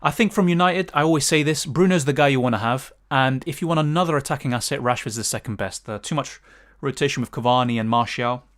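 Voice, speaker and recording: Answering viewer questions, a British man who streams fantasy football talks quickly in a slightly bright, mid-range voice, barely pausing. He's chatty and casual, thinking out loud and stumbling through plenty of fillers and restarts.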